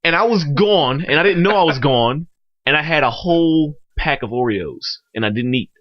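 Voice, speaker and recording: An excitable young man with a Cleveland accent jumps in with his side of the story. His voice is a touch high and very lively. The recording is dull and lo-fi. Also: normal speed, no room sound. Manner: excitable, laughs through his lines. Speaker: guest. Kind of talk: casual chat. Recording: dull lo-fi sound.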